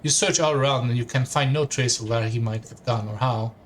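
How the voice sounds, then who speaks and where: A man streaming a story game, voicing its text in second person at an ordinary middle pitch. He reads along and breaks off now and then for a casual comment of his own. A faint hiss sits under the voice. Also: fairly quick. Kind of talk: reading a story game aloud with asides.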